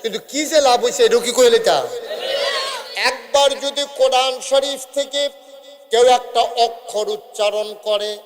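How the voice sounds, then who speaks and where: High-voiced chanting village preacher. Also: male voice, a little slow. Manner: sing-song chanting, quizzing the crowd, joking asides. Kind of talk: Bengali waz sermon.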